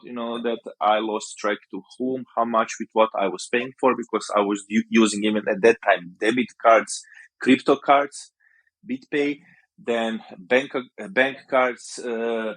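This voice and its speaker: A man, a startup founder guesting on a podcast. He tells his story in a relaxed, rambling way, filled with "uh" and "you know." His voice sits at an ordinary middle pitch for a man. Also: poor audio. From Croatia. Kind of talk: casual podcast interview.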